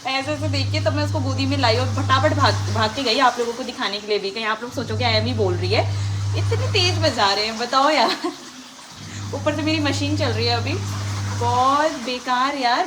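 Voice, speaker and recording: A young woman vlogging live at home beside a window facing a road, irritated and ranting, half laughing. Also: fairly high pitch. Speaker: family vlogger. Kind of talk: live vlog filmed at home. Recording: noisy home recording with road noise.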